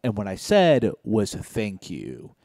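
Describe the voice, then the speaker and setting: A young man from Indiana doing a stand-up set on a comedy club stage, deadpan and low-key with sudden loud outbursts. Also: slow, no room sound, studio quality.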